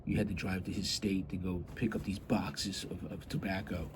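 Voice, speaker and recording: A man's voice: low voice, level tone, normal speed, noisy background. A man chatting casually and rambling as a hobby vlogger, blunt and grumbling, with some mild swearing.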